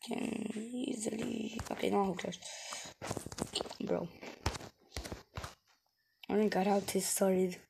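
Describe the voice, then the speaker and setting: A woman's voice: medium pitch, fairly even intonation, slow pace, vocal fry, pauses often, noisy background. A young woman hosting a gaming video, giving playful, rambling reactions as she plays. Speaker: gaming channel host. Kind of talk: casual game commentary.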